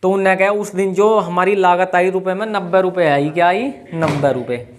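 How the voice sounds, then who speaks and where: High-voiced man teaching math. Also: fairly quick, a little hiss or hum. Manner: keeps quizzing students. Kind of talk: classroom lesson.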